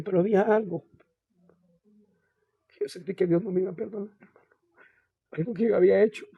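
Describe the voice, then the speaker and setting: A man who is a pastor, with a Guatemalan Spanish accent, tells his faith testimony in an earnest, halting way and keeps calling the listener "hermano". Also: high-pitched, creaky, breathy edge, no room sound, lo-fi sound. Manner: halting, with many restarts and fillers. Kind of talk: personal faith testimony in a podcast interview.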